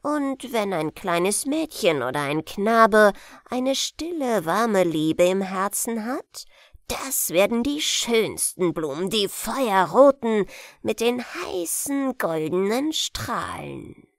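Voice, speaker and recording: Brief: gloating evil old wizard, read by a woman, lively swooping pitch, slow, storybook. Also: no room sound, clean studio sound. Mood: sinister coaxing. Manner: slow, gloating, hushed in places. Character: evil old male wizard luring children. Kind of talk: bedtime fairy tale reading.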